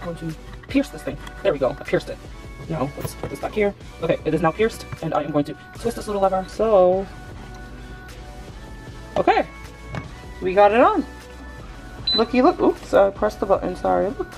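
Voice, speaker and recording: A young adult woman chatting to viewers as she cooks in her home kitchen, excitable and talking as she works. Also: medium pitch, moderate pace, long pauses, over music, low-quality recording. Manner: chatty, excitable, talks to viewers while working. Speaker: cooking vlogger. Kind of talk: casual cook-along narration.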